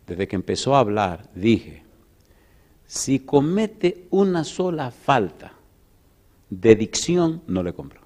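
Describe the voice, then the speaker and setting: A middle-aged man preaching, telling a story with laughter and big swings from loud to hushed. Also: mid-range voice, sing-song, takes it slowly. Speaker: pastor. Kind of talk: storytelling sermon.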